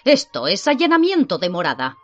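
A woman voicing a pompous, frightened middle-aged man who shouts indignant threats. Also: medium pitch, wildly swooping pitch, brisk, highs cut off.

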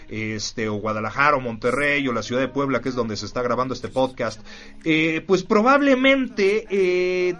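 A man with a Mexican accent delivers a motivational self-help talk as a podcast host. He speaks straight to the listener and drives his points home through repetition. His voice sits a little high for a man, with faint music playing behind him. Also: a bit bright. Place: studio recording.

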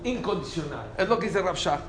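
A man teaching a lively Torah class to a small group, asking rhetorical questions and repeating phrases for emphasis. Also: high-pitched, a little fast. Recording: roomy echo, faint background noise.

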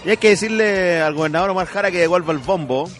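Male co-host, raised pitch, teasing banter, clear music bed under the voice. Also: fast, a bit bright. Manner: teasing, wry asides. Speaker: radio co-host. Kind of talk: casual radio banter.

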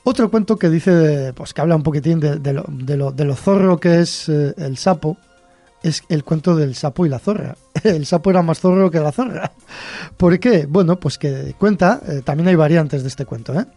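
A man's voice: fairly high pitch, moderate pace, mellow, no echo, soft background music. A man with a Cantabrian accent hosting a folklore podcast, telling folk tales in a chatty, folksy way with frequent chuckles. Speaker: host.

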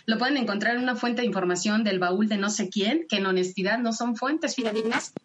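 Animated woman, slightly high voice. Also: brisk. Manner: explanatory, animated, laughs often. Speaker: guest sex educator. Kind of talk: podcast conversation. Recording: dull lo-fi sound.

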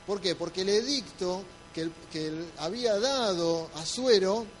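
A man's voice: high voice, normal speed, slight background noise. A man with a Rioplatense accent preaching a sermon, retelling a scripture story and asking the congregation questions. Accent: Rioplatense Spanish.

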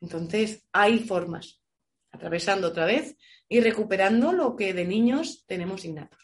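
Woman voice coach giving advice, expressive, acts out shouts now and then. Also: mid-range voice, moderate pace. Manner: warm, expressive, illustrates with shouts and playful voices. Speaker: voice coach guest. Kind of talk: advice answering audience questions.

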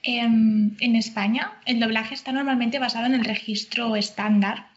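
A woman's voice: a little high, steady tone, moderate pace. Friendly woman interviewer, muffled sound. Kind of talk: conversational interview.

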